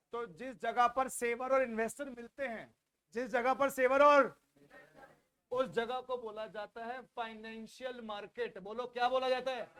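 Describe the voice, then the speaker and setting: Indian guy teaching a class, really high voice, loud, keeps repeating questions for the kids to shout back. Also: clean tone. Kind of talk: classroom lecture with call-and-response drilling.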